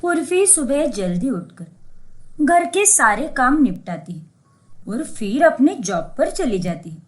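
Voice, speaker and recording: Slow, expressive woman storyteller. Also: sits high. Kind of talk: scripted cartoon story narration.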